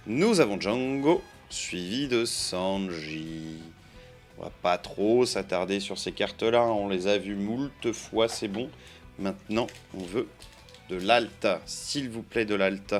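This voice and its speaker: A man's voice: on the low side, takes it slowly, faint music behind. A man giving chatty, playful commentary while opening trading card boosters, counting out cards and joking with his viewers. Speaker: card-opening video creator.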